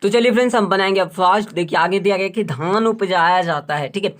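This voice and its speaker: A man's voice: high voice, fast, fairly bright tone. A male English grammar teacher giving a tutorial lesson. He repeats each phrase, asks and answers his own questions, and spells words letter by letter.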